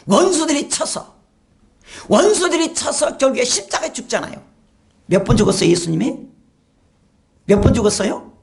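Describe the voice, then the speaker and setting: A woman pastor delivers a sermon with animated storytelling. Her pitch swings widely as she throws rhetorical questions at her listeners, and a gravelly fry creeps into her voice. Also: normal speed, long pauses.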